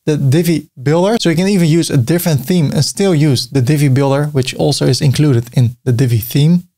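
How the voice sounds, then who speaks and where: A middle-aged Dutchman, a native speaker with a Dutch accent, hosts a screen-recorded tutorial on building websites. His voice sits on the high side, brisk and dark in tone. He's friendly and chatty, tossing in little jokes as he clicks around his screen.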